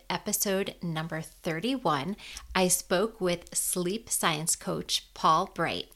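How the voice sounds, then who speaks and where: A woman in her fifties hosting a podcast and guiding a sleep meditation in a slow, soothing, gentle way. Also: medium pitch. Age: 50s.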